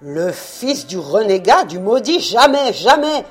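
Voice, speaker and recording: A woman reading aloud, playing an old Breton fisherman father who is stubborn and shouts and stammers in rage, over faint music. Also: sits low, expressive, measured pace, voice pushed down. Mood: furious.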